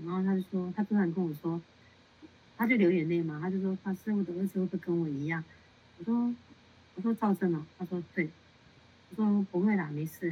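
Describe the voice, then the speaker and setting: A woman nun counseling a follower in a casual, animated way, laughing often and repeating words for emphasis. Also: lowish voice, breathy edge. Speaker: Buddhist nun giving counsel. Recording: muffled lo-fi sound.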